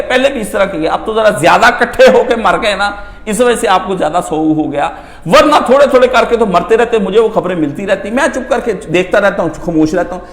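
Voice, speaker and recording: A man preaching an impassioned, rhetorical sermon that swings between loud and soft. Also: high voice. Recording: echoey room.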